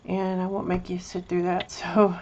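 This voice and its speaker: This crafting video has a woman chatting hesitantly about her project, frequently starting over mid-sentence, her mouth full of candy. Her low, mellow voice is completely flat at a moderate pace, with the highs cut off and slight background noise.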